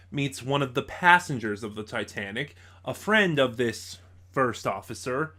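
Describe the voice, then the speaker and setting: This man, a host, talks through an informal review in a halting manner, often stumbling and fixing what he just said. He has a medium pitch and a fairly bright tone.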